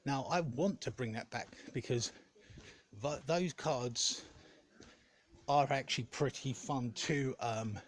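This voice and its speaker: A man giving a casual, rambling vlog update in a hesitant, halting way, often correcting himself. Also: mid-range voice. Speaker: gaming content creator.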